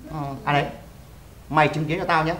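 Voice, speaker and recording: Actor doing a domineering boss, roomy echo. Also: male voice, fairly high pitch, level tone, quick pace, fairly bright tone, slight background noise, natural voice. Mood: bossy. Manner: bossy, curt. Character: gruff domineering older male boss. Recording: echoey room.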